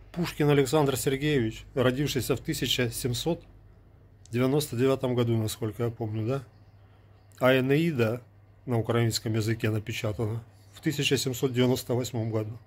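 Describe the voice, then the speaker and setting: A Ukrainian vlogger in his forties, his medium-pitched voice husky and a little mellow, talks casually to a phone camera held at arm's length in a small indoor room. He argues his point in a sarcastic, lecturing way, picked up by an earbud mic.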